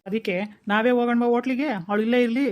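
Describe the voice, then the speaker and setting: A woman's voice: fairly high pitch, fairly even intonation, racing, darkish tone, close to an everyday voice. Woman playing a lecturing cartoon father. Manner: lecturing, reasoning. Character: calm scolding middle-aged father.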